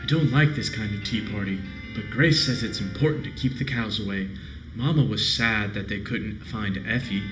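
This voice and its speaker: A man's voice: lowish voice, normal speed, roomy sound, over music, lightly acted, poor audio. A man reading a game diary as a frightened young frontier girl, with plain, folksy, childlike phrasing. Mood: uneasy, sad. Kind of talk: game diary read aloud.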